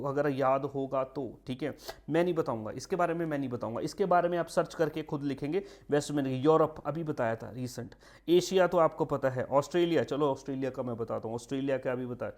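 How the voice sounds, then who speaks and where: Male tutor drilling key terms. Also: a little high. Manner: repeats key terms, mixes English phrases, frequent "ठीक है"; drawn-out slow emphasis on names, quick asides. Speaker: exam-prep teacher. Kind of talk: online geography lecture.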